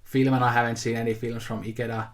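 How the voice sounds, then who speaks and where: Speaking quickly in a mid-range voice with little pitch movement, a 28-year-old Finnish-born video host rambles casually to camera about items from his haul. Fillers and restarts come often in his relaxed, unscripted talk.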